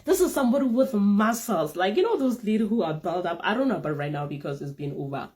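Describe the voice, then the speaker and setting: A woman tells a personal story in a casual vlog, animated and laughing often. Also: fast talker. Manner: animated, laughing often, lively pitch jumps. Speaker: vlogger.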